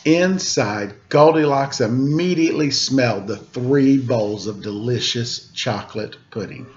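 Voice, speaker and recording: A man's voice: medium pitch, measured pace, muffled recording, slight background noise. A man reading a children's picture book aloud as a storyteller, playful and mock-innocent, with casual asides.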